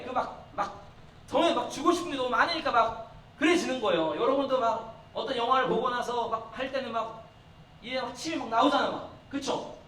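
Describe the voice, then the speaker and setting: A man's voice: very high-pitched, bright, forceful tone. A young man, a youth pastor, preaching to middle schoolers in a coaxing, playful way and often raising his voice for emphasis. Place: church hall. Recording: echoey hall from far off, faint noise.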